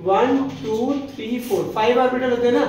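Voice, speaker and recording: A man's voice: very high-pitched, normal speed, darkish tone, a little hiss or hum. A male chemistry teacher giving a classroom lecture, asking the students questions and answering them himself, affectionately calling them "beta". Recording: echoey classroom.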